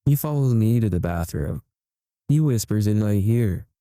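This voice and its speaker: A man's voice: lowish voice, expressive, moderate pace, dark tone, no echo, studio quality, close to an everyday voice. A man playing an earnest, overexcited cat owner, giving a melodramatic parody infomercial testimonial with reverent sincerity. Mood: awed, earnest.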